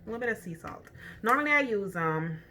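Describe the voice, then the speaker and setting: This woman speaks quickly with lively intonation at a medium pitch, in a Jamaican accent, over background noise. She's a cooking vlogger chatting through a demonstration at home in her kitchen, thinking aloud and frequently restarting or saying "um."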